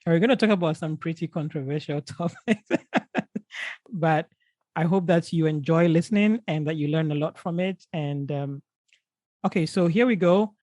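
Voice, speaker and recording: A man's voice: fairly high pitch, normal speed, a little mellow, dry recording. A man hosting a podcast interview, welcoming his guest enthusiastically with frequent fillers and restarts. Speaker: podcast host.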